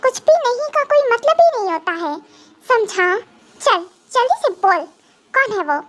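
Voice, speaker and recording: A woman's voice: very high voice, sing-song, normal speed, a bit bright, exaggerated voice. A woman voicing a menacing young male psychopath gang boss in a fan dub drama, taunting and threatening.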